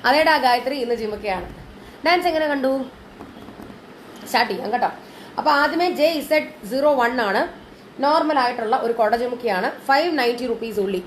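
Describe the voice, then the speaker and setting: Female live-sales host, higher register, casual and chatty despite a cold, some background noise. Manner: chatty, mixing in English words. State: has a lingering cold and cough. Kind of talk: casual live sales chat, greeting viewers.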